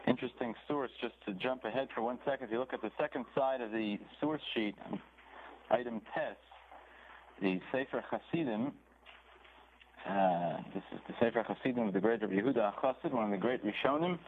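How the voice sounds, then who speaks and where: A man gives a Torah lecture at a middling pitch, reading out phrases and translating each one as he retells a story. The sound is thin and phone-like, with a faint hiss underneath. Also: brisk. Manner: reads Hebrew phrases then translates, animated storytelling. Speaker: rabbi teaching a Torah class. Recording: tinny phone-like recording with faint noise.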